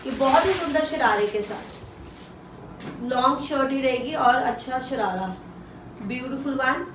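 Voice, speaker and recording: Indian woman, live-shopping seller, high voice, unscripted Hindi-English patter, distant roomy sound. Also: unhurried. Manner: mixes Hindi with English phrases; repeats prices and details to push buyers. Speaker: live shopping presenter selling women's clothing. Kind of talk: live online sales pitch, casual and unscripted. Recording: roomy echo, distant mic, faint noise.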